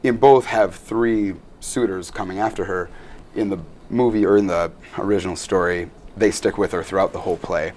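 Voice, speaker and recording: A man's voice: low-pitched, steady tone, normal speed, darkish tone, a little hiss or hum. A young man, a student actor, answering interview questions in an earnest, rambling way with many fillers.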